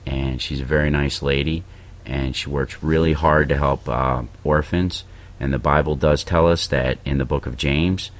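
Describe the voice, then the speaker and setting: A man hosting a podcast, talking casually about faith in a loose, rambling way and often checking in with his listeners. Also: rumbling low. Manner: loose, rambling, often says okay and you know. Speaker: podcast host. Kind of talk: casual religious podcast talk.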